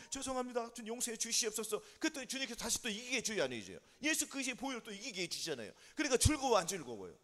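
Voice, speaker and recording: High, fast-talking preacher. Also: male voice, fairly bright tone, long reverb tail. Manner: drilling call-and-response questions. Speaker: pastor. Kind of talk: sermon. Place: church sanctuary.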